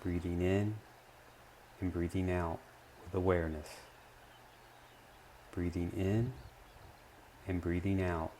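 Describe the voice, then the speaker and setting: In a low-pitched voice, a man talks listeners through a guided meditation using short, measured, gentle phrases and long pauses. The background is noisy.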